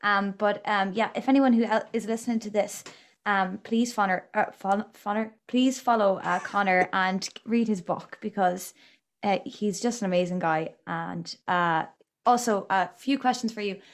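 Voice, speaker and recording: A woman's voice: mid-range voice, moderate pace. A woman with a Galway accent from the west of Ireland, hosting a casual interview in a hesitant, stop-start way. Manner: hesitant, many ums and broken-off phrases. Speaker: podcast host.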